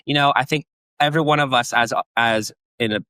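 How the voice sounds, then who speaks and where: Enthusiastic host guy, bright voice, lots of likes, dry close mic. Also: medium pitch, a little fast, clean tone, dry recording. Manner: enthusiastic, rambling with many "like" fillers. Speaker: podcast host. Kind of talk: casual podcast interview.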